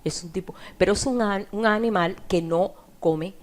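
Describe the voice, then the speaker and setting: A woman's voice: mid-range voice, moderate pace. A woman preacher delivering an impassioned sermon, often addressing her listeners directly as brother.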